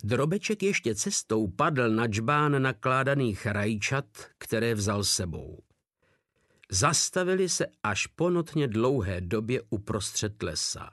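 Man, audiobook narration, steady, mid-pitched, dry. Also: no room sound. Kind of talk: scripted narration.

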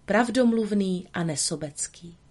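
A woman voicing a gentle, graceful fairy in a storybook reading, speaking softly and solemnly. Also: mid-range voice, lively intonation, natural voice. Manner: soft and solemn.

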